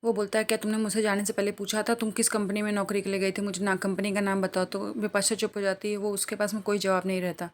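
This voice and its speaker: A woman rattles through a soap-opera recap at a hurried clip. Her pitch barely moves as she relays each character's lines in the same level voice. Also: flat delivery, a little hiss or hum. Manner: brisk retelling, reads quoted lines in her own plain voice. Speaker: TV serial recap narrator. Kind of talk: rapid plot-recap narration.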